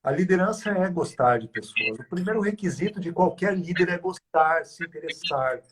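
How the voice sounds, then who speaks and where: A man's voice: fairly high pitch, lively intonation, normal speed, fairly bright tone, breathy edge. A man speaking as a guest on a live chat, explaining in a didactic way, listing examples and asking rhetorical questions.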